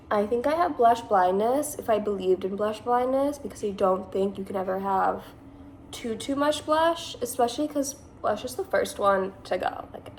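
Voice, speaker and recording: With a fairly high pitch and a Californian accent, this twenty-something beauty vlogger from Massachusetts, USA, chats her way through a makeup tutorial, rambling and leaning on "like." The recording is rough, with some hiss or hum.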